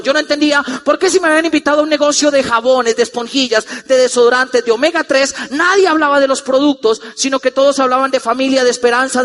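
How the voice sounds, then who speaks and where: High-voiced man telling a story. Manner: animated storyteller, acts out quotes and crowd chants. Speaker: motivational speaker. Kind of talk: stage talk telling a personal story.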